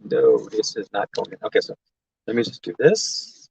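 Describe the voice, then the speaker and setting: A man's voice: on the low side, wildly swooping pitch, normal speed, vocal fry, a little mellow, muffled recording, a little hiss or hum. A man from Lebanon hosting a casual tech live stream from inside a parked car, rambling and chatty with lots of fillers as he answers viewer comments.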